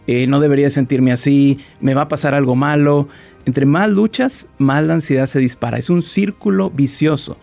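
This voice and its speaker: A man appearing as a guest therapist, calmly explaining how to handle anxiety in an interview. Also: a little high, moderate pace, vocal fry, faint music behind. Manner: calm, explanatory.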